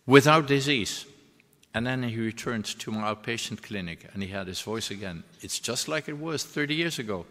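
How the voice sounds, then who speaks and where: A man's voice: fairly low pitch, fairly bright tone. Earnest male surgeon lecturing in a hall. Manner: earnest, explanatory, with halting restarts. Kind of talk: medical conference lecture. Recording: long hall reverb.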